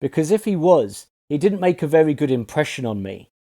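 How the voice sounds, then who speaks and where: A man's voice: fairly high pitch, very animated, a little fast, warm tone. A man reading a scripted review voice-over of a TV series, sarcastic and full of swearing. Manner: sarcastic, profane, ranting.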